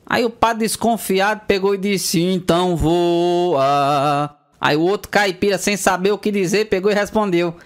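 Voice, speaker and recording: A man's voice: brisk, few pauses. A male comedian from Northeast Brazil telling a run of jokes about country folk, jumping into character voices for the punchlines. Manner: lively storyteller, jumps into squeaky character voices. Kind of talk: joke telling.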